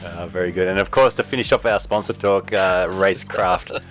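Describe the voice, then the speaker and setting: A man's voice: sits low, steady tone, normal speed, a bit bright, faint music behind. An Australian man hosting a sim racing broadcast, wrapping up and plugging sponsors in an easygoing way. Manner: easygoing, reads sponsor plugs. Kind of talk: casual post-race wrap-up.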